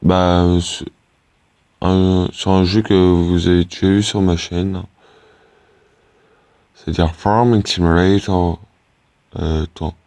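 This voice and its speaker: Low-voiced teen boy rambling over gameplay. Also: flat delivery, slow pace, pauses often, a little mellow, no echo. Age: teenager. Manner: rambling and hesitant, many fillers and restarts. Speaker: gaming YouTuber. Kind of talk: casual gameplay commentary.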